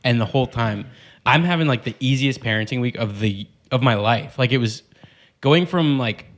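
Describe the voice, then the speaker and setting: A man in his thirties, a podcast co-host, talking casually in halting, loosely built sentences full of filler words. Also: medium pitch. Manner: halting, conversational, peppered with "like". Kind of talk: casual storytelling and banter.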